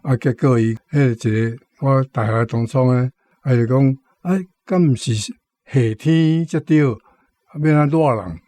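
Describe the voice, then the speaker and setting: On the radio, a male host with a Taiwanese accent explains Taiwanese vocabulary in a conversational manner, repeating his points. His mid-range voice is warm, at a normal speed, with no echo.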